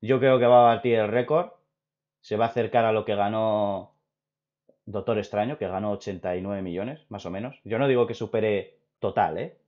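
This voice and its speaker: A man's voice: lowish voice, normal speed. Rambling young man with a Spain Spanish accent. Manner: excitable, rambling, many restarts. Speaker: video host. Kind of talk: casual opinion chat with a friend. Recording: dull lo-fi recording.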